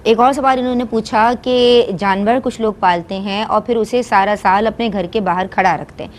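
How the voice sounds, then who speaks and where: A woman's voice: medium pitch, fairly even intonation, moderate pace, a little hiss or hum. A woman with a Pakistani Urdu accent hosting a TV religious program, relaying viewers' questions and giving short affirmations. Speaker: TV show host. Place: TV studio.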